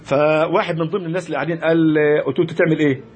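Speaking with an Egyptian Arabic accent, a man delivers an energetic religious lecture about marriage to a class, frequently repeating himself and restarting words. His voice is fairly high and he talks at a racing pace, with faint music in the background.

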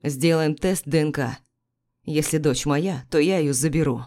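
A woman's voice: deep voice, slow pace, a little mellow. A woman reading the lines of a cold, powerful man who threatens his ex-wife, clipped and icy. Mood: icy menace.

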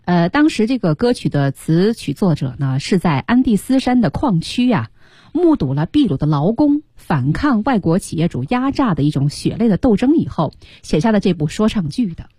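A woman's voice: medium pitch, very animated, normal speed, mellow, husky, dry recording, clean studio sound. A woman co-hosting an English lesson on radio, explaining song lyrics and humming bits of the melody. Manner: explains lyrics, hums and sings the melody in snippets. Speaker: radio English teacher and co-host.

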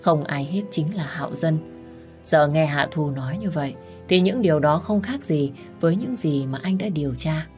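A woman narrating an audiobook story in a soft, steady, emotive reading. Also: deep voice, normal speed. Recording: faint music underneath.

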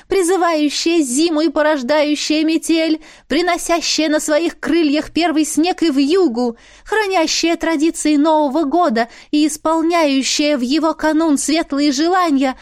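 A tiny, playful winter spirit girl with a high, ringing voice, as a woman reader puts her on. She sounds excited and full of mischief, lifted well above an ordinary speaking voice. The audiobook recording is dry and close. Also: no echo. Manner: excited, bubbly. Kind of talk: audiobook character voice.

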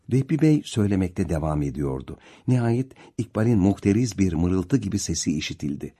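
A man's voice: sits low, mellow, slightly rough. A man narrating a novel as an audiobook, with a dramatic, varied delivery. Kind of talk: expressive literary narration.

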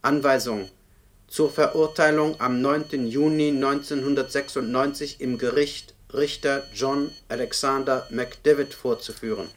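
An actor's unhurried, natural male voice at medium pitch delivers police records for a German radio play, staying monotone and formal and reading out the punctuation. The official he plays is dry, and the aged recording has noticeable background noise.

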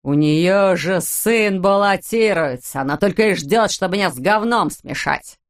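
A woman voicing a growling, furious father. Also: sits high. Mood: raging. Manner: growling, slow and menacing. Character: furious brutal middle-aged father.

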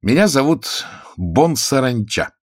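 A man's voice: medium pitch, big pitch swings, quick pace, voice pushed up. A man reading aloud and voicing a scheming boy who wheedles and lies in a storybook. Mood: sly. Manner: hasty, wheedling. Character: scheming boy playing a lying captive.

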